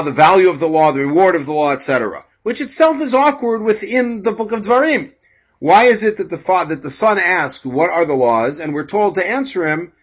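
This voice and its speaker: A man teaching a measured lecture on a religious text, explaining passages and reading Hebrew aloud. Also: a little high, a bit bright, muffled recording. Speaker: Torah teacher.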